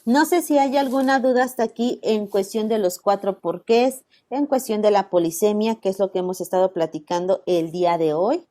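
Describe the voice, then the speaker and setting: A woman university teacher with a Mexican Spanish accent, giving an online class lecture and patiently explaining, slowing down to stress her examples. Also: medium pitch, mellow.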